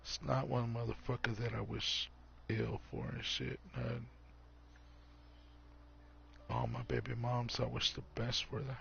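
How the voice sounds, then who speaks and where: A drunk man with a gravelly voice rambles reflectively in loose, sweary street slang, like a streamer talking casually to viewers. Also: mid-range voice, little pitch movement, measured pace, long pauses, a bit bright, slight background noise. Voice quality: gravelly, fry-laden voice. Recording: dull lo-fi mic, music behind. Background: music.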